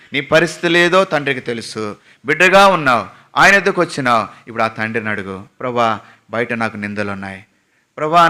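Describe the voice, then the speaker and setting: A man's voice: mid-range voice, pushed and bright, clear, resonant tone. A male preacher at a prayer house giving a fervent sermon, questioning his congregation as he exhorts them. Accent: Telugu. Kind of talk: sermon with sung opening.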